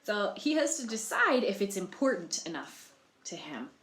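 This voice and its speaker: At a library storytime, a woman with a mid-range, slightly bright voice and big pitch swings reads a picture book aloud at a moderate pace. She's expressive, pausing to explain things and question the kids, in a roomy, echoing space.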